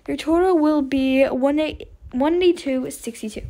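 A woman voicing a friendly, cheerful store cashier who talks in quick, upbeat customer-service patter. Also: high voice, mellow. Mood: perky.

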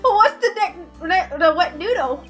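Very high-voiced excitable woman gamer. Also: measured pace, soft background music. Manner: excitable, laughs and swears freely. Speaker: let's play host. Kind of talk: casual game commentary.

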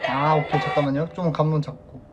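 A man's voice: on the high side, level tone, fast talker, dull audio, a loud crowd. A young man in his twenties hosting a casual live stream, reading viewer comments aloud in a playful way and laughing often. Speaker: idol band member hosting a solo live stream. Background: music playing.

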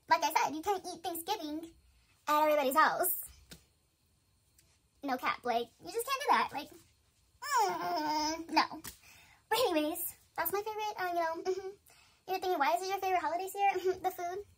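A young woman chatting casually to camera as a beauty vlogger, slang-heavy and laughing often. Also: very high-pitched.

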